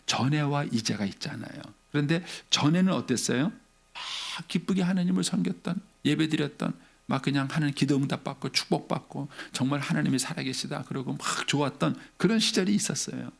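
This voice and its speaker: A man's voice: a little high, a little fast, vocal fry. A middle-aged male pastor giving an early-morning church sermon in a conversational way, asking rhetorical questions and acting out an inner dialogue. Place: church sanctuary.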